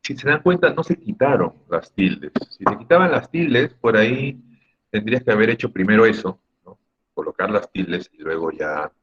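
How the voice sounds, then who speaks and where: A man with a deep, slightly bright and somewhat rough voice teaches an online Spanish grammar class, patiently walking through each step and questioning his students. The audio, captured by a computer mic on a video call, sounds muffled.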